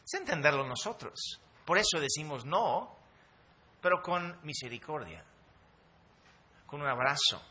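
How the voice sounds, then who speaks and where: Middle-aged pastor, emphatic sermon voice, bright and animated. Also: male voice, fairly high pitch, measured pace, pauses often. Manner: animated, emphatic preaching with hesitations.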